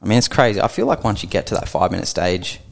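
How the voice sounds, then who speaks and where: Low gravelly Australian man. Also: expressive, very fast. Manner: laid-back, swears freely. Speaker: guest, gym co-founder. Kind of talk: casual podcast chat.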